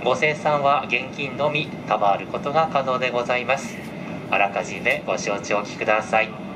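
A male train conductor makes a formal, very polite announcement at a middle pitch, his measured words coming through the car's PA. A camera picks up the cabin loudspeaker inside the train car, with clear ventilation and vehicle noise around him.

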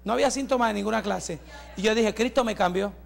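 High, gravelly-voiced preaching man. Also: quick pace. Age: 40s. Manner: fervent preaching, rising to shouts, with joking asides. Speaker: pastor. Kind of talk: testimony sermon.

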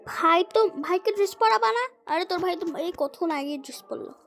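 High-pitched woman acting a family skit. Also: lively intonation, moderate pace, gravelly, a bit bright, a little hiss or hum. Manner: switches between mother and children voices. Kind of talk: one-person family role-play skit.

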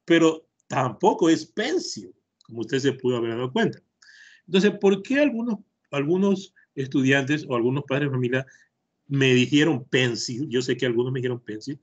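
A brisk, mid-range male voice with an Ecuadorian Spanish accent teaches an online English class for children, patiently drilling pronunciation through repetition. It's captured by a computer mic on a video call, giving muffled, lo-fi audio.

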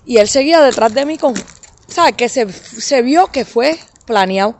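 A woman's voice: on the high side, expressive, a little slow. A middle-aged Puerto Rican woman with a Puerto Rican Spanish accent, telling a family story with emphasis and English words mixed in. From Puerto Rico. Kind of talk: emotional personal account.

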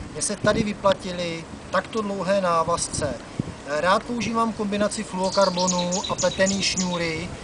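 Out on a wooden dock beside a broad river, a Czech man in his thirties who fishes and vlogs talks informally about fishing, his speech full of "eh" fillers. His voice sits high, captured from a distance of a few meters by the camera's mic amid outdoor sounds.

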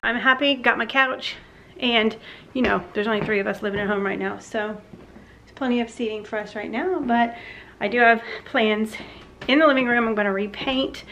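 Woman, 40s, Southern American accent, chatty home vlogger, slightly high voice, filmed at arm's length indoors. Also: moderate pace, a bit bright, muffled recording, a little hiss or hum. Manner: chatty, rambling with many fillers and restarts. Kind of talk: casual chat. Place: her living room at home, indoors. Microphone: handheld camera at arm's length.

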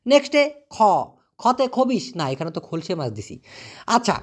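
Lively man teaching words step by step. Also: high voice, fairly quick. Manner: repeats each word, asks and answers own questions; lively teaching voice with jokey asides. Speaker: language teacher. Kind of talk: casual spoken lesson.

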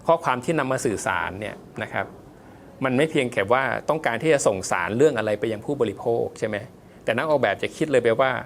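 A man's voice: medium pitch, a little hiss or hum. A man, a font designer guest, giving polite, step-by-step explanatory answers in an interview, with loose casual fillers.

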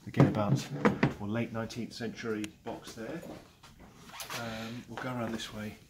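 An Englishman in his forties, an auctioneer, chats enthusiastically and chuckles often while leading a camera around a large, cluttered saleroom. His voice is lowish, his tone level, and he talks at a normal speed. The handheld camera mic follows him through the noisy room, capturing this casual walk-through commentary.

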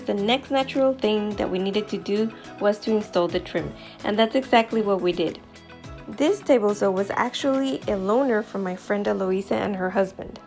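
A woman's voice: mid-range voice, gravelly, a little mellow. A woman in her forties narrating her home renovation vlog in a chatty, encouraging way, recorded on a lapel mic at home. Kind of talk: friendly voice-over narration. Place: home living room, indoors.

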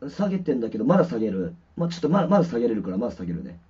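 A man's voice: medium pitch, big pitch swings, very fast, warm tone, breathy edge. Mumbling man testing his stream audio. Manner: mumbling, rambling, many fillers. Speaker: musician livestreaming. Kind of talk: casual livestream chat, mic check. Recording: dull lo-fi stream audio with distortion.

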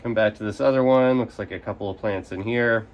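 Speaking fairly quickly with a fairly low pitch, a young man slightly nasal from a cold casually explains dividing and repotting plants; the highs are cut off. He's a carnivorous plant grower doing a hands-on gardening demo, relaxed, explanatory and full of fillers, outdoors in sunlight at a potting table, recorded by an overhead camera with him off frame.

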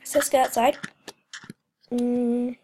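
A gaming channel host, a teenage girl, speaks slowly in a slightly high voice that barely moves in pitch. She rambles casually over gameplay with many fillers, repeatedly dropping to a whisper, her voice slightly stuffed up from a cold, in a noisy home recording with clicks.

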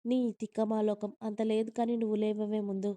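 A woman voicing a teasing, bossy young husband who scolds with care, in a gruff tone. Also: medium pitch, flat delivery, a little fast, warm tone, dry recording, natural voice.

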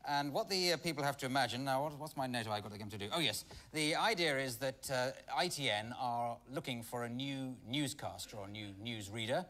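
A man's voice: mid-range voice, lively intonation, brisk, hardly any pauses, sharp tone. A man hosting a comedy panel show with dry, giggly, rambling asides. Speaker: game show host.

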